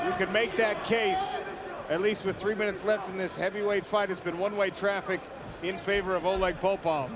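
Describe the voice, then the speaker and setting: A man calling a fight live as a play-by-play commentator. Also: high voice. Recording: very noisy arena, loud crowd. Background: roaring arena crowd.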